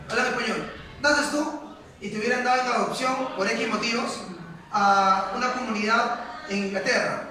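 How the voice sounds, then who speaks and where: A male teacher, giving a classroom lecture and questioning his students, repeating points for emphasis. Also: high voice. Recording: echoey classroom from far off, students audible.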